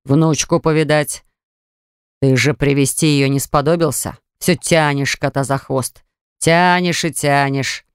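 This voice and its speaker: A reader voicing an indignant elderly father who speaks in slow, low, grumbling outbursts, in an audiobook. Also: fairly even intonation, smooth, no room sound, studio quality, lightly acted. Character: indignant elderly father, hot-tempered and dramatic. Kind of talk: audiobook character voice.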